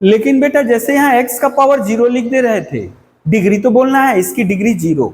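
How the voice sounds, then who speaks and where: A man's voice: extremely high pitch, animated, a little fast, in a large hall. A man teaching a maths lesson to students, asking them questions and answering them himself.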